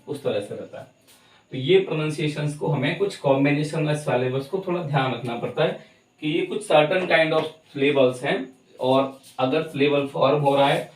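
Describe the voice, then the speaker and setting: A man teaching English pronunciation, spelling words out letter by letter and then saying them slowly, with an Indian English accent. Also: fairly high pitch. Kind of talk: explaining lesson. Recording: echoey room, far from the mic.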